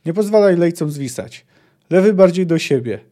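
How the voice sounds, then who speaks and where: Man voicing a gruff, mocking dwarf. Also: fairly high pitch, lively intonation, moderate pace, mellow, pitched above the performer's own voice, close to an everyday voice. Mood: scolding. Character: gruff, blunt male dwarf, scolding and mocking.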